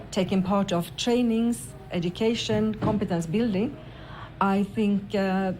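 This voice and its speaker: A woman's voice: mid-range voice, dark tone. A woman from Sweden giving considered, formal interview remarks as an ambassador. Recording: noisy location interview, ambient sound.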